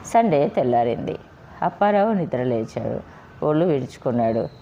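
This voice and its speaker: A woman narrating a story in a steady, expressive storytelling manner. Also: extremely low pitch, normal speed, lo-fi sound, a little hiss or hum.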